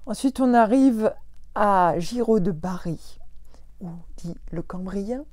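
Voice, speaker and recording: A woman's voice: medium pitch, takes it slowly, mellow, dry recording. A woman from Alsace, hosting a casual live talk for her followers on a phone, hesitant and full of fillers and self-corrections. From Alsace, France. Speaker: host of a weekly live. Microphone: phone on an Instagram live.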